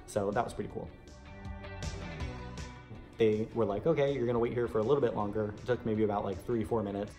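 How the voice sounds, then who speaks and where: This vlogger tells the story of an audition with music playing behind him, peppering his chatty speech with "like." He speaks a little fast with a lowish, fairly even voice and pauses often.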